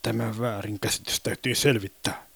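A man's voice: on the low side, fairly even intonation, gravelly, over loud music. An actor playing an indignant man who protests that he has been wrongly suspected of a break-in.

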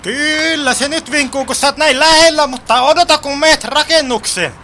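A man playing a bossy, fussy would-be gang boss in an amateur radio play, talking in an excitable way. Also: extremely high pitch, a little hiss or hum, voice pushed up, exaggerated voice.

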